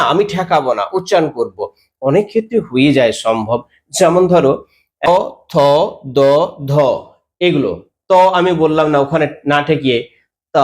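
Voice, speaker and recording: A man teaching a grammar lesson, explaining step by step with frequent hesitations and spoken examples of sounds. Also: high-pitched.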